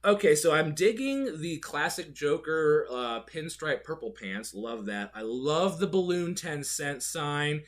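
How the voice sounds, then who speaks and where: A man hosting a video show, giving gushing, excitable product commentary. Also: a little high, a little slow, few pauses. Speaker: host of a Halloween animatronic video show. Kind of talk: enthusiastic product commentary with read-out descriptions.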